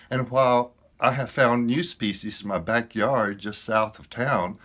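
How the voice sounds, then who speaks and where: Low-voiced older man with an Arkansas accent. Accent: Arkansas Ozarks. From Ozarks, Arkansas, United States. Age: older, retired. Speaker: retired museum director. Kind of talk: interview, recounting his work.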